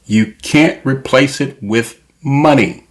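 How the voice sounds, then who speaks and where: Slow, emphatic male commentator. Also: medium pitch. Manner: emphatic, repetitive, slow deliberate delivery. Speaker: commentary channel host. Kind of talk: opinion commentary monologue.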